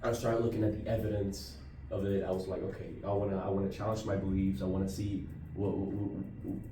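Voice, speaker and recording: A man's voice: sits low, little pitch movement, fairly quick, dark tone, far from the mic, a little hiss or hum. A man from Colombia in a casual discussion, speaking earnestly and often restarting his words. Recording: roomy audio from off-mic.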